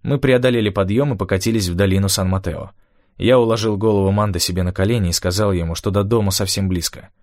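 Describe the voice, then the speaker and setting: A man narrating an audiobook in a steady, measured first-person storytelling manner. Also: fairly low pitch, dry recording, studio quality.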